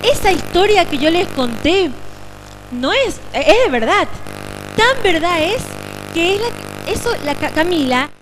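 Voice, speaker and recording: A woman tells a church children's story in a lively way, asking the kids questions as she goes. Her voice is high. A loud hum and engine noise sit behind her. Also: a little slow.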